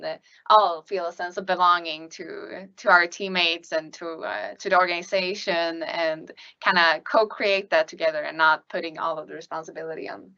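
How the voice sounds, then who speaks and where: Female webinar moderator, bright forward voice, unscripted hosting delivery, slightly muffled lo-fi sound. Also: on the low side. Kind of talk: hosting a panel discussion webinar. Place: studio. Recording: slightly dull, lo-fi webinar audio.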